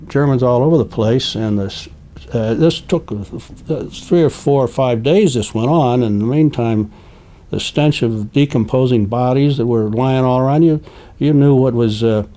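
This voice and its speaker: An elderly man, a war veteran recalling his experiences in an interview, speaking haltingly and deliberately with long hesitations. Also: mid-range voice, warm tone. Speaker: WWII veteran being interviewed.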